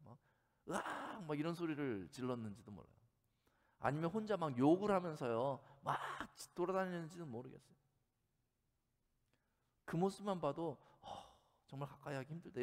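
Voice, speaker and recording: A man preaching a sermon as a church pastor, telling a story in a conversational way and asking the congregation questions. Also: on the high side. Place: church sanctuary. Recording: long hall reverb.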